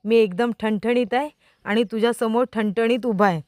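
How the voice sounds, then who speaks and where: Young husband teaching his wife, as a woman reads him, patient, rhetorical questions, slightly high voice, dry sound. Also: fairly even intonation, moderate pace, darkish tone, no echo, natural voice. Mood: teasing. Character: young man, teacher, teasing then earnest.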